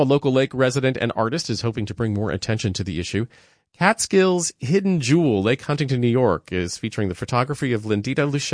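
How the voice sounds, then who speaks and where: A man's voice: mid-range voice, dry recording. Man, American accent, radio interviewer, mid-range voice, dry recording. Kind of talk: scripted radio introduction and interview.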